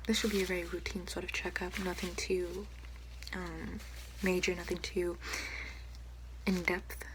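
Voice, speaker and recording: A young adult woman, an ASMR creator, plays a doctor in a soft-spoken, often whispered roleplay, her low-leaning voice hushed, breathy, very even, polite and unhurried. She records at home in a small indoor room, and noticeable background hiss comes through.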